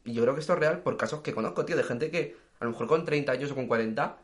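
Fast-talking young man. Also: medium pitch. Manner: fast, slangy, animated storytelling. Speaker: podcast co-host. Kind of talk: casual chat.

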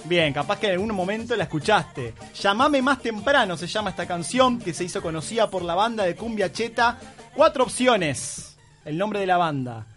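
A Uruguayan man with a Rioplatense accent runs a playful radio quiz. His voice sits high and bright, jokey and quick to tease, with faint music in the background. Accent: Rioplatense Spanish, Uruguayan. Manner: animated, jokey, shouts when excited. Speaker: radio show host.

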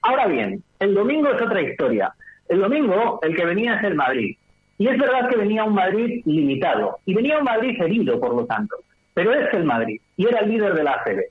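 A man's voice: sits high, sing-song, quick pace. A man, a basketball commentator heard over a telephone line, analysing a game in long, fluent runs with rhetorical questions. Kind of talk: sports analysis over the phone on radio. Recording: tinny phone line.

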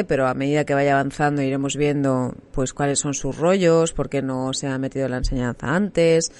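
A woman chatting casually as a podcast co-host, talkative and quick to laugh, with lots of fillers. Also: low-pitched, clean tone. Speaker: podcast co-host reviewing a series. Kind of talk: casual chat.

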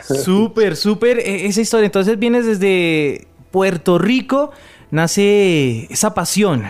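A man's voice: sits high, lively intonation, takes it slowly, a little mellow, soft background music. A man hosting a radio interview, upbeat and full of enthusiastic interjections. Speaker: radio host.

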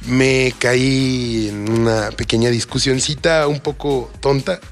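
A man's voice: medium pitch, steady tone, takes it slowly, soft background music. A Mexican man guesting on a podcast, chatting casually with dry, teasing humor. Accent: Mexican Spanish. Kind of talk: casual interview chat.

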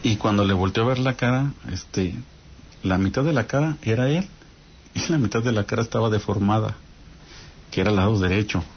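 Mexican guy, lowish voice, telling a creepy story to his listeners, dull lo-fi audio with a little hiss. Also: a little fast. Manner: talks straight to listeners with frequent "¿no?" check-ins. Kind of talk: casual spoken ghost story.

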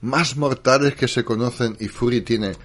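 A man's voice: mid-range voice, fairly even intonation, moderate pace, fairly bright tone. A man from chatting casually about a film, checking his notes and making dry asides. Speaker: podcast co-host.

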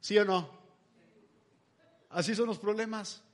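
High-voiced preacher, chatty and humorous. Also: male voice, slow pace. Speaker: pastor. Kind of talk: sermon.

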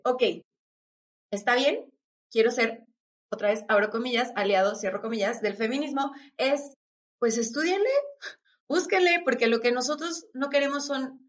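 A Mexican woman speaks in a casual discussion, her voice sitting somewhat high. She talks emphatically, packing her speech with fillers. The sound is dull and lo-fi. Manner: emphatic, frequent fillers and laughs.

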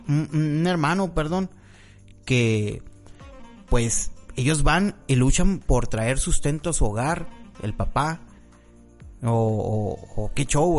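A man's voice: a little high, a little mellow. Chatty man hosting a discussion. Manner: chatty, laughs often, many fillers. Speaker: host. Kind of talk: casual discussion. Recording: faint music behind.

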